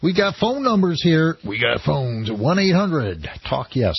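An American man with a husky voice hosting radio talk in a loose, halting, informal way. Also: medium pitch. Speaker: fill-in radio talk host. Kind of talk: loose, ad-libbed radio talk with read-out news. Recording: dry, dull lo-fi radio broadcast.

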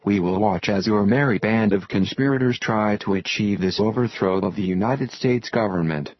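A man with a disguised deep voice reading a scripted warning statement in a slow, even, menacing recitation, played from an online video. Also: breathy edge, no room sound, dull audio. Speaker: masked group spokesman in an online video.

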